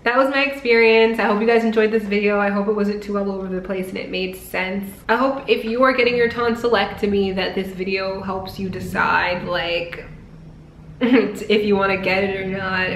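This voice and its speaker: A young vlogger chats casually to camera, her speech peppered with "like." Her medium-pitched voice is level in tone and moderately paced, sounding slightly strained from a recent throat surgery, in an echoey room with a faint ambient hum behind her.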